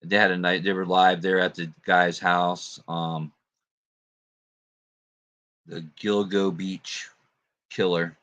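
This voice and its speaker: A man's voice: sits low, flat delivery, slow, long pauses, fairly bright tone, no echo. A man hosting a casual livestream, greeting viewers and chatting in a laid-back way with plenty of fillers and laughs. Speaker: livestream host.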